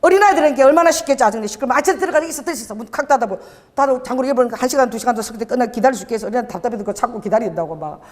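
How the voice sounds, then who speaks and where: A woman's voice: a little high, very fast, big-room sound. A middle-aged woman pastor preaching a sermon, telling a story about her husband with acted-out dialogue and laughter. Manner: lively storytelling, acts out quoted dialogue, frequent laughter. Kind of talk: sermon with personal anecdotes. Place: church hall.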